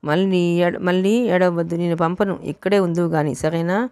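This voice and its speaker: Woman reading a calm, polite woman doctor. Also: on the low side, moderate pace, clear, resonant tone, no room sound, natural voice. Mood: pleading. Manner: polite, soothing.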